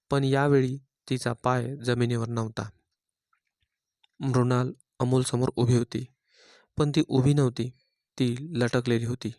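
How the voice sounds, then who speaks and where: A man telling an emotional story in grave, measured scripted narration. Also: medium pitch, darkish tone, no echo, clean studio sound.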